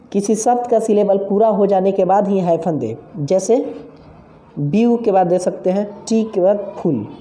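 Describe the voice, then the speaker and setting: A woman dictates grammar rules at an unhurried, deliberate pace. Her voice is deeply mellow and dark. She repeats each rule twice like a classroom teacher giving notes. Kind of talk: slow dictation-style grammar lesson.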